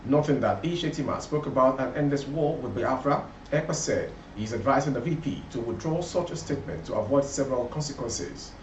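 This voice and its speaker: Reading a news bulletin from a script, a Nigerian man speaks formally and declaratively at a fairly quick pace, with medium pitch and hardly any pauses. His voice comes through muffled and distant, with plenty of room echo over a faint layer of noise.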